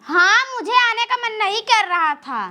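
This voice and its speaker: A woman's voice: very high-pitched, expressive, unhurried, bright, forceful tone, heavily acted. A woman with an Awadhi accent playing a pampered, newly married young daughter who shows off and whines in a comedy sketch. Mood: boastful. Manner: showing off, whiny.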